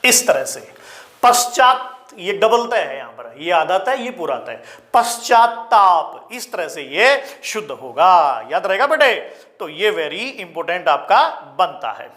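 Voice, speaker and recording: A man teaching a spelling lesson to exam students, repeating each word slowly and calling his listeners children. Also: sits high, very animated, sharp tone. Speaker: Hindi teacher.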